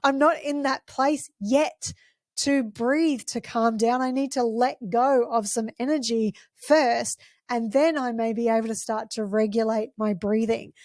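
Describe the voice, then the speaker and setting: A woman voicing a stubborn, upset child who insists on refusing to calm down. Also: a little high, a little slow, no echo, clean studio sound, lightly acted.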